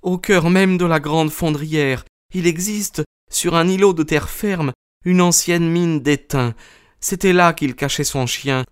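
A man reading aloud, voicing a distraught young woman in a high, pleading voice. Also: measured pace, clean tone, no room sound, clean studio sound, lightly acted. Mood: urgent. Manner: breathless, high pleading delivery.

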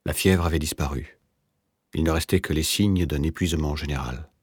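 A man narrating a novel in a measured, literary reading. His voice is extremely deep and husky, recorded dry and close with no room sound. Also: dry recording. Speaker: audiobook narrator.

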